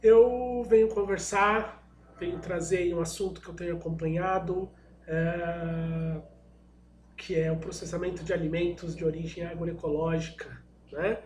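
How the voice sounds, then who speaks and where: A middle-aged Brazilian-accented man, a product designer and innovation agent, gives an informal guest presentation in a slightly hoarse, somewhat high and a little mellow voice. He's unhurried and fairly even in intonation but hesitant, often hunting for the next word. The room echoes, with a faint hum beneath.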